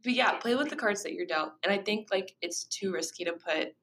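A young woman co-hosting a podcast, talking in a relaxed, measured way with many fillers. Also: medium pitch, echoey room. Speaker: podcast co-host. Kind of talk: casual podcast chat.

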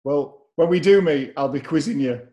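A man's voice: fairly high pitch, normal speed, dark tone. A man hosting a casual interview, talking informally and somewhat hesitantly. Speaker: interviewer, host.

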